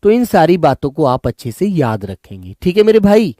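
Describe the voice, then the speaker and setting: A man teaching in a live online class, coaxing his students and drilling words by repeating them slowly. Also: a little high, sing-song, dark tone, dry recording, clean studio sound. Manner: coaxing, addresses students as children and brothers. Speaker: Hindi teacher.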